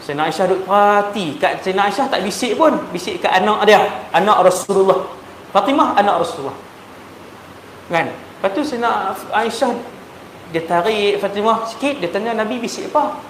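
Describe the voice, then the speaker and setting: A man with a Malaysian Malay accent preaching a sermon, telling stories animatedly and swinging between loud emphasis and hushed tones. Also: sits high, normal speed. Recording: echoey hall with faint noise.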